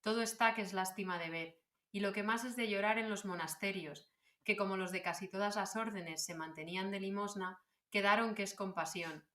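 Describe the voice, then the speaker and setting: A woman from Salamanca with a Spanish accent, co-hosting a history podcast. She throws in quick reactions and reads old passages aloud steadily. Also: medium pitch, pushed and bright. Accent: Spanish from Spain. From Salamanca, Spain. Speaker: podcast co-host. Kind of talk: casual history podcast chat. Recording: roomy echoing room.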